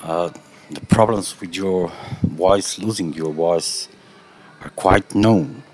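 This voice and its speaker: This man interviews a guest on the radio, starting in Slovenian, his mother tongue, before moving into halting second-language English for his questions. He sits low in pitch, sounding a little mellow and husky.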